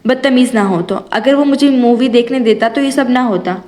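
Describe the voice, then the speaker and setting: A woman's voice: fairly high pitch, darkish tone, close to an everyday voice. A woman voicing a petulant, dramatic young wife in an audio novel. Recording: roomy echo.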